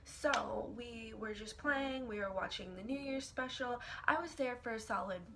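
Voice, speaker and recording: A young woman vlogger telling an embarrassing personal story in a dramatic, expressive way, swearing casually and with lots of filler words. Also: on the high side, normal speed, creaky, background noise. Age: young adult. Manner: casual, profane, filler-heavy. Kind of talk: storytime vlog.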